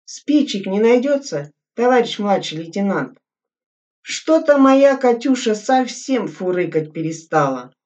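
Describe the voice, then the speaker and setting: A woman voicing a calm, unhurried male corporal with a dry, deadpan manner. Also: mid-range voice, pitched above the performer's own voice. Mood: lazy. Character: calm, lazy, wry male corporal soldier. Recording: dull audio from a distant mic.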